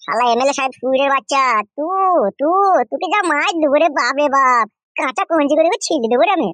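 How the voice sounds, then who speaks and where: Voicing a hot-headed, gullible village husband in a comic cartoon, a man speaks very fast in a very high, slightly bright voice. He blusters and whines furiously in a rural West Bengal accent, mispronouncing words, with no echo on the recording.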